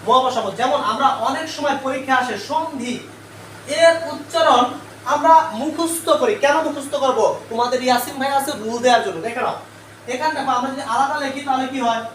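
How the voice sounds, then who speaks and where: High-voiced man teaching in an echoey room. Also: fairly quick, a bit bright, distant mic. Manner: quizzes the class with repeated questions and answers them himself. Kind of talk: live online grammar lesson. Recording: echoey room, away from the mic, faint noise.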